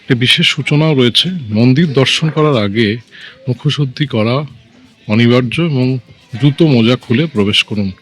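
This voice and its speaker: A man narrating his travel vlog in a calm, informative voice-over. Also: medium pitch, moderate pace. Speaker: travel vlogger.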